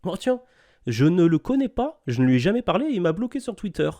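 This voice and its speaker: A man's voice: high-pitched, big pitch swings, fast talker, mellow. A man giving informal, off-the-cuff reaction commentary, scornful and lecturing, checking in with short tag questions. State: sick.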